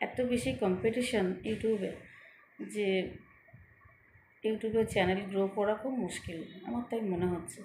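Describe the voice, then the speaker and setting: A middle-aged woman vlogging casually at home, speaking softly and slowly in a calm way. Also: mid-range voice. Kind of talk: casual personal vlog talk. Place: room at home. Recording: echoey room with loud background noise.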